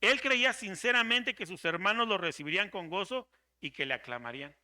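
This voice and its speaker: A man's voice: high-pitched, lively intonation, brisk, sharp tone. A man preaching a sermon as pastor, dramatic and theatrical, acting out the voices of the people he quotes.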